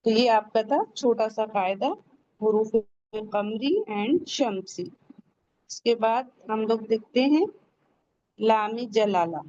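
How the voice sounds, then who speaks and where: A woman teaching a tajweed class. She explains each rule step by step, asks questions and answers them herself, and slows down to pronounce the Arabic words carefully. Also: on the high side, mellow, dull audio. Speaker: Quran recitation teacher. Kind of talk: tajweed lesson.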